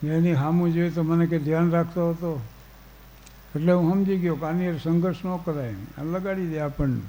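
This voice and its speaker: Older male stage humorist, folksy anecdotal delivery, slightly high, warm and mellow tone. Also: steady tone, a little fast, rough recording. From Gujarat, India. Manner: folksy, anecdotal, quotes verse. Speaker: storyteller on stage. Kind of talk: humorous storytelling to a live audience.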